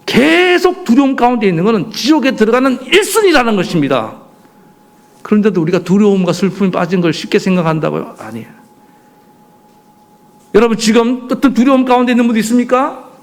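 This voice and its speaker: Emphatic, lively, gravelly-voiced male preacher. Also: sits high, fairly quick. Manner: emphatic, rhetorical questions to the congregation. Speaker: pastor. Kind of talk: sermon.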